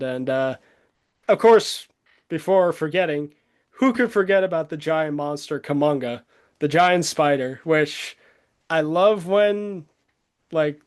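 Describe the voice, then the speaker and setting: A man's voice: on the high side, smooth. A man chatting casually as co-host, rambling with many fillers and frequent laughs. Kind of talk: casual chat.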